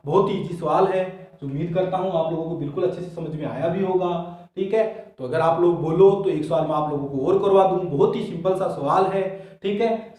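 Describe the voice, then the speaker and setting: A man with a fairly high voice teaches a physics lesson, firing questions at his students and answering them himself. He has a playful streak and counts zeros as sweets. The room is very echoey and the mic sits some way off. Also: darkish tone, recorded from a distance. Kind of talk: board lesson for school exams.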